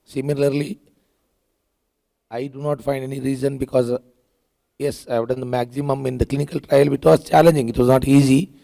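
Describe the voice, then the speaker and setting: A hoarse man with an Indian English accent, a cardiac surgeon speaking haltingly on a conference panel. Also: mid-range voice, steady tone, dark tone. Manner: halting, with many filler pauses. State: hoarse, lost his voice.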